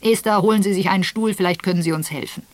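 A woman voicing a blunt, frank old rich man who talks loudly and gruffly and gives orders. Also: medium pitch, quick pace, no room sound, voice pushed up, natural voice. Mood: blunt, commanding.

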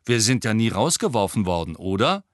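A man's voice: on the low side, very animated, brisk, dry recording, studio quality. A man voicing a mischievous teenage boy prankster in an audiobook. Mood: cheeky.

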